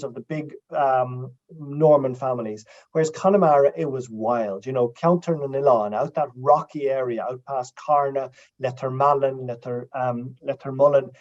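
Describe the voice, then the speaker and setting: An Irish man, a writer and guest in an interview, telling lively stories and dropping in Irish-language phrases. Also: medium pitch, highs cut off. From Ireland. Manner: animated storytelling, quotes Irish phrases. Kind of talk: casual interview talk.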